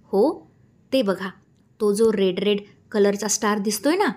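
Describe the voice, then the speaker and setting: A woman voicing a gentle young teacher who speaks in a soothing, reassuring way. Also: mid-range voice, measured pace, natural voice.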